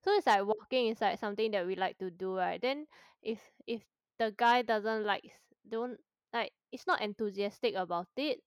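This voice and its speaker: A woman's voice: medium pitch, moderate pace, clean tone, no echo, studio quality. A young woman with a Singaporean accent, chatting casually in colloquial Singlish with particles at the ends of her sentences. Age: young adult. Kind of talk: casual chat.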